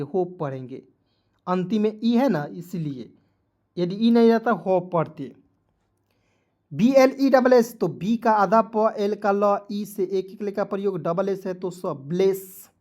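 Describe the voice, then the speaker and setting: A man's voice: sits high, a little mellow. Man, video lesson teacher, spells letter by letter, repeats questions to viewers. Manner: repetitive, addresses viewers as friends. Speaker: online English teacher. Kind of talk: Hindi-language video lesson.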